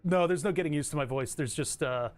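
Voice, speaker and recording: A fast-talking man chats from his home stream setup, wandering between thoughts and breaking off his own sentences. His bright, trebly voice is fairly high.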